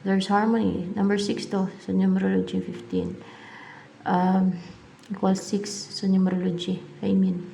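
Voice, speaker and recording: A woman's voice: medium pitch, level tone, measured pace, gravelly, dark tone, a little hiss or hum. A woman giving a casual spoken tarot reading, musing aloud and repeating herself as she mixes English into her speech. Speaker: tarot card reader.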